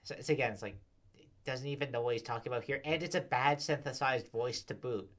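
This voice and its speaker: A man speaks at his microphone in loose, rambling commentary, sighing and full of fillers like "like" and "you know". His voice sits at a middling pitch. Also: quick pace. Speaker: commentary host. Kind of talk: exasperated casual commentary. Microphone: desk microphone.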